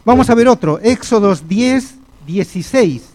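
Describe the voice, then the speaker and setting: Male preacher, Argentine Spanish accent, high-pitched, slow and deliberate sermon delivery. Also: expressive, a little mellow. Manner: slow, deliberate preaching, often addressing the congregation as brothers. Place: church.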